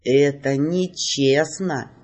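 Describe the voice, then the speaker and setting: A woman reading aloud and voicing a teasing, calm young male mage in a slow, lowered voice. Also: full character voice.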